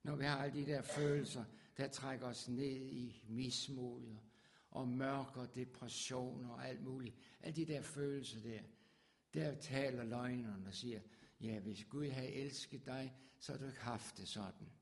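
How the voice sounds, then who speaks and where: A middle-aged man from Denmark preaching a charismatic sermon, swinging from hushed tones up to fervent shouts. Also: mid-range voice, fairly even intonation.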